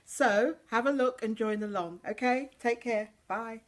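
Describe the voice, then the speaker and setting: Chatty older woman, slightly high voice, children's host. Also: measured pace. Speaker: host introducing a children's craft video. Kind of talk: casual greeting to children and families. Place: indoor room, seated before a backdrop.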